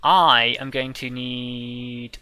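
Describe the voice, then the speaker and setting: A man narrating a tabletop role-playing game as game master, improvising haltingly as he goes. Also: mid-range voice, steady tone, sharp tone, no room sound.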